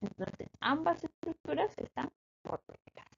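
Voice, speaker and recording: A woman teaches a grammar lesson in a fairly high voice, explaining patiently and pausing to make sure her students follow. The recording is dull and lo-fi. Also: expressive, creaky. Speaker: English teacher.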